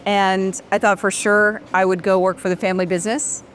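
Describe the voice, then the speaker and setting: A woman's voice: mid-range voice, little pitch movement, fairly quick, slight background noise. A woman in her forties from Dallas, talking casually and upbeat as a guest in an interview, laughing easily. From Dallas, Texas. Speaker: podcast guest, company founder. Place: restaurant.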